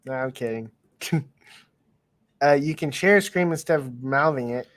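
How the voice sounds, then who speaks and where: A man's voice: mid-range voice, unhurried. An American man hosting a casual livestream, joking and laughing often. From United States. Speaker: livestream host.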